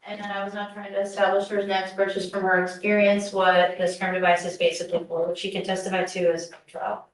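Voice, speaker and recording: A woman's voice: mid-range voice, flat delivery, fast talker, hardly any pauses. A woman prosecutor questioning a witness in court in a formal, methodical way, heard on a courtroom recording. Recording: roomy courtroom recording, far from the mic.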